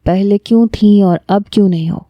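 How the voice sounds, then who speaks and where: A woman's voice: mid-range voice, no echo, muffled recording, natural voice. A woman reading the lines of a sarcastic, impatient young man pressing with questions. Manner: sarcastic, exasperated.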